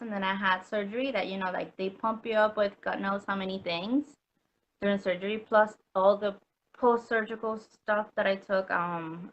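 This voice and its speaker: In a casual interview, a customer guest from Puerto Rico chats in a medium-pitched, slightly bright voice. Her speech is full of ums and likes, she laughs readily, and the audio sounds dull.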